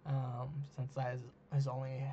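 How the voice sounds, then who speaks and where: A man hosting a solo monologue, talking casually with many ums and uhs, losing his voice and clearing his throat. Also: mid-range voice, monotone, moderate pace, dark tone. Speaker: host. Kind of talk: solo monologue ranking teams. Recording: dull lo-fi mic with faint hiss.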